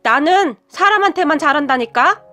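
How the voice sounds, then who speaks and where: Brief: blunt, scheming older mother-in-law, scolding tone, high-pitched read by a woman narrator. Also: lively intonation, normal speed, sharp tone.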